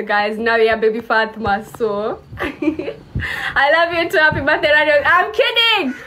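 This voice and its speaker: A woman's voice: high voice, bright, forceful tone, a little hiss or hum. A woman in her twenties from Kenya, chatting casually and teasing her viewers on a live stream. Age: 20s. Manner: playful teasing, mixes English and Swahili.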